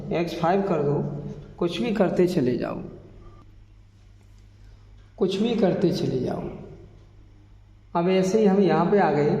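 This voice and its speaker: A man teaching maths, explaining slowly and repeating each point patiently. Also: a little high, warm tone. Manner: slow, repeats points patiently, mixes English maths words. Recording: echoey room, dull lo-fi sound.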